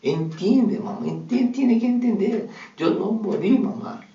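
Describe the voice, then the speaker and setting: A man's voice: high-pitched, lively intonation, unhurried, mellow, far from the mic, voice pushed up. A man in a raised voice as a departed young daughter, pleading, insistent, repeating herself, roomy dull recording from afar. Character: deceased young woman consoling her grieving mother.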